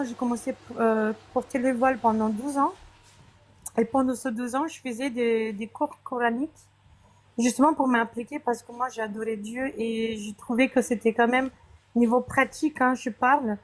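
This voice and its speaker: A woman with a foreign accent, not a native French speaker, giving an unscripted personal testimony in a hesitant way, often searching for words. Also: a little high.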